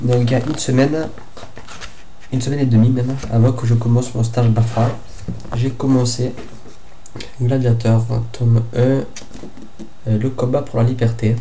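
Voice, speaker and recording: A young French man, stuffy from a head cold, gives a casual book review for his vlog in a very dark, mellow voice that stays flat in pitch. He speaks unhurriedly and hesitantly, pausing often, filling gaps and restarting sentences. A faint hiss or hum sits under the recording.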